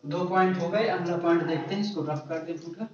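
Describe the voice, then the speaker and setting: A man's voice: a little high, brisk. A man teaching an agriculture exam-coaching lecture, asking the class questions and answering them himself, repeating key terms. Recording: echoey room, distant lo-fi mic.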